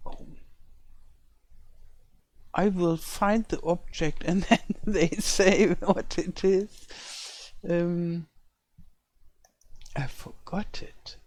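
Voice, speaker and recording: An older German woman with a German accent, speaking English as a second language, is a let's-play creator recording at home in rural France. Her voice is lowish and a little mellow, very slow with long pauses, and has no echo. She thinks aloud while building a game map, sometimes searching for words.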